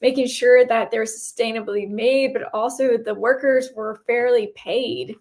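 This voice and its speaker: A cybersecurity professional appears as a guest on a podcast, answering interview questions casually while explaining her views earnestly and frequently checking in with the listener. Her voice is fairly high with a darkish tone and fairly even intonation, and she's unhurried.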